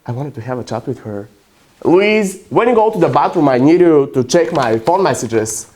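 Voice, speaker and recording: A young man whose first language is Bulgarian, playing a brash, self-mocking young womanizer in a competitive prose interpretation, with dramatic storytelling and sudden loud outbursts. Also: fairly high pitch, animated, moderate pace. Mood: wry, bemused.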